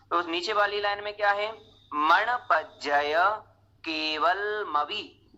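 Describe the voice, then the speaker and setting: Bright high-voiced male teacher. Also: lo-fi sound. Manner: slow explaining, chants verses line by line for students to repeat. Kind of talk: scripture lesson with chanted recitation.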